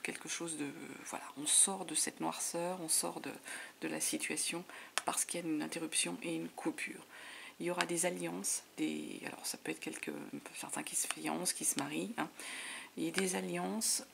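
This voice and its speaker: A woman giving a monthly tarot reading in a soft, half-whispered voice full of fillers, her voice giving out. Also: lowish voice, creaky. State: voice giving out, clearing throat. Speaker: tarot reader. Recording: noisy home recording.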